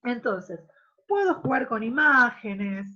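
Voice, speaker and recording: Argentine woman teacher, lively and high. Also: slow pace. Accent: Argentine Spanish. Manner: animated, exaggerates syllables for demonstration. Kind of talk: online class lecture. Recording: muffled lo-fi audio.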